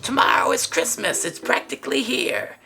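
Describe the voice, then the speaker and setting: A woman's voice: a little high, sing-song, moderate pace, vocal fry, over music. A woman voicing a sour, scheming old male monster from a storybook, sneering and sly, with a growl. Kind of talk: storybook character voice.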